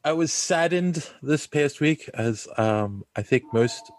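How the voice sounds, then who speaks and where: A man in his forties hosts a casual podcast over a video call, rambling and laughing often. His voice is fairly high and animated, and he speaks slowly. The sound is clean, studio-quality, with no echo.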